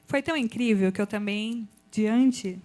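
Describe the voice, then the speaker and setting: A woman giving an emotional church testimony, telling her story in an animated, expressive way. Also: fairly high pitch, unhurried. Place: church event.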